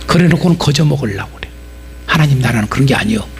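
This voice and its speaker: Lively, gravelly-voiced male preacher. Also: mid-range voice, fast talker, a little hiss or hum. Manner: animated, acts out market sellers with sudden loud outbursts. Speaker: pastor and Bible lecturer. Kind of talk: lively sermon lecture. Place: church.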